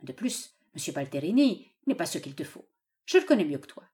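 A woman's voice: very animated, brisk, mellow. A woman reading a novel aloud, voicing an old father who pleads with his daughter and then rages at her suitor. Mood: dismissive. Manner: pleading then furious, raised and high. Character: doting, tyrannical old father, quick to rage.

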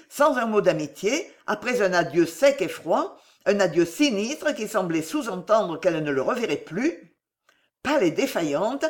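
Expressive woman narrating a novel. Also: mid-range voice. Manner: dramatic, expressive. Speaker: audiobook narrator.

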